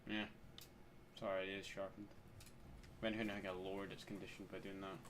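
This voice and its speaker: Guy gaming and talking to himself, kinda deep, sweary, casual, game noise behind. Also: flat delivery, a little fast. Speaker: gamer. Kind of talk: casual gameplay commentary.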